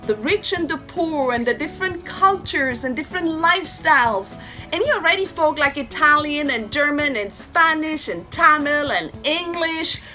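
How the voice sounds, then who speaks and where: A woman's voice: sits high, bright, forceful tone. A middle-aged woman from Switzerland with a Swiss accent, chatting to viewers as she tells stories about her life. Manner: outgoing, chatty, addresses viewers as guys. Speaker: vlogger. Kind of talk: personal storytelling to camera.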